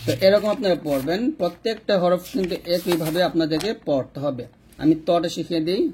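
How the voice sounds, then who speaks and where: A man teaching Quran reading, chanting letters and vowel marks in a steady repetitive drill. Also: high voice, a little fast, a little hiss or hum. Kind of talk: step-by-step spelling drill lesson.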